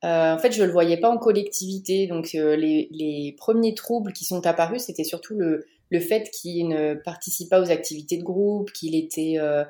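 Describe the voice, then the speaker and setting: Low-voiced French woman, hesitant. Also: normal speed, hardly any pauses, warm tone, roomy sound. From Paris region, France. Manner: hesitant, many "euh" fillers and restarts. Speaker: guest. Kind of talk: podcast interview, personal testimony.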